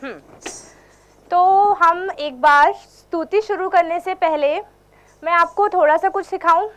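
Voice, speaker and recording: Speaking slowly with an extremely high, slightly bright voice, a young woman teaches children a dance class in an online workshop. She mixes Hindi and English and coaxes the kids with questions.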